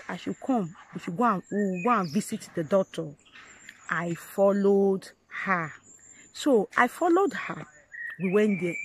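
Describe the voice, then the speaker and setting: A woman vlogger earnestly recounting her life story to viewers, talking in halting phrases that she often repeats and restarts. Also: medium pitch, darkish tone, a little hiss or hum, low-quality recording. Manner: earnest, addresses viewers directly. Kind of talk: personal storytelling to camera.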